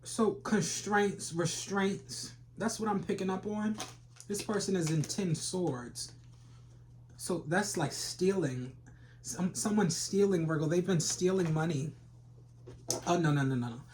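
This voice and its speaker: A man with a high voice, a measured pace and a darkish tone gives a tarot reading, with slight background noise. The reading is rambling and casual, full of slang and repeated phrases.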